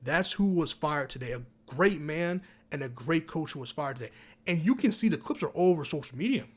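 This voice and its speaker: A man's voice: on the high side, lively intonation, fairly quick, husky. Fired-up man ranting about basketball. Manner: heated, profane, repeats himself. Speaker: sports commentator.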